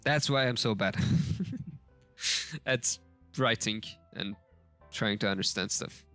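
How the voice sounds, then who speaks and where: Slow, halting man thinking aloud. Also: lowish voice, pushed and bright, soft background music. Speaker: language learner teaching a lesson. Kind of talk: casual screen-share lesson commentary.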